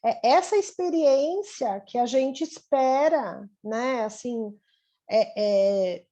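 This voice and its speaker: A woman's voice: a little high, takes it slowly, mellow. A woman, a psychologist, talking casually as she teaches, reflective and full of tag questions. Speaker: psychologist leading a training session.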